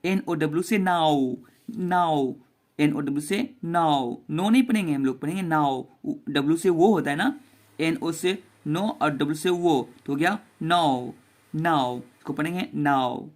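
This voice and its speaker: A man teaching a basic English reading lesson to children, spelling each word out letter by letter and repeating it. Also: fairly high pitch. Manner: spells words letter by letter and repeats them slowly.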